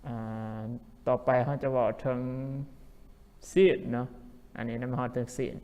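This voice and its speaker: A man's voice: mid-range voice, fairly even intonation, a little slow, dark tone. A man teaching English vocabulary as a language teacher, who repeats each word several times. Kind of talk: vocabulary lesson. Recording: long hall reverb.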